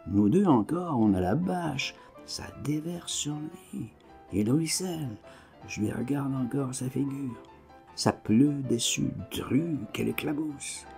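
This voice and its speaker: A man gives a slow, unhurried literary reading of a first-person novel, his voice gravelly with vocal fry. He breaks the text into short, clipped phrases and pushes some words hard while letting others drop away. Faint music plays underneath. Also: mid-range voice, expressive. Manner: short, clipped phrases read with emphatic swings in loudness. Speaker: reader of a novel.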